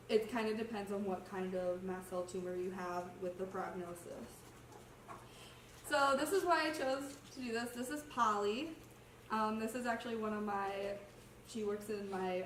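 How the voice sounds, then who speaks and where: A young adult woman who is sick with a cough gives an informal slide presentation as a student, explaining casually and a little hesitantly. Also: mid-range voice. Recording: roomy, distant mic, faint noise.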